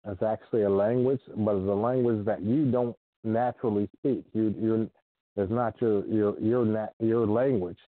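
Reading scripture during an informal sermon, an Ohio preacher speaks earnestly and without hurry, often going back over the same points. His voice sits on the low side with a steady tone. The dry recording sounds thin and phone-like.

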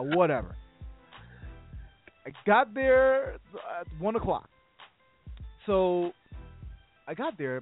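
Animated high-voiced man telling a rambling story. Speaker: sports talk show host. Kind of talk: casual radio chat. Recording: phone-like audio with faint music.

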